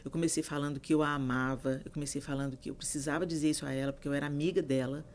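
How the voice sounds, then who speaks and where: A woman pastor telling a personal story as a podcast guest, earnest and soft-spoken, dropping to a hush when she repeats advice. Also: low voice, fairly even intonation, rapid-fire, a little hiss or hum. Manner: soft-spoken, drops to a hushed voice for quoted advice. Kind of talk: earnest testimony in casual chat.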